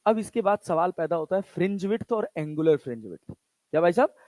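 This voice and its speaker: A man's voice: high voice, lively intonation, fairly quick, darkish tone, no room sound. A male physics teacher giving a lecture, firing questions at his students and answering them himself, in a casual, chatty way. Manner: casual, chatty teacher talk in Hindi with English terms. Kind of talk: classroom lecture.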